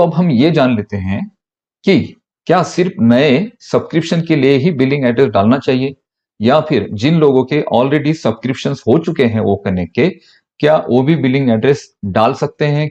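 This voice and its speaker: Male mentor voice, calm instructional explainer, muffled low-fidelity recording. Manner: patient, step-by-step explaining. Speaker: online business mentor.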